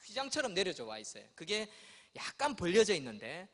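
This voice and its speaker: Pastor, high lively voice, big echoey church hall, acting out the story. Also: male voice, fairly quick. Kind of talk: sermon with childhood story. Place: church sanctuary. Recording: long church hall reverb.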